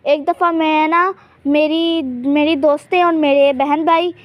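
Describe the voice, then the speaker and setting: A woman's voice: sits high, steady tone, slow, no echo, dull audio. A woman casually narrating a life-sim game in character, chatty and teasing, often hinting at secrets she won't share. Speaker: gameplay channel host.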